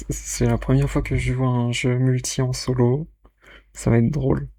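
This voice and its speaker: A man streaming a video game alone, muttering to himself and shouting out spell words. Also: mid-range voice, level tone, unhurried. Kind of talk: casual let's-play commentary.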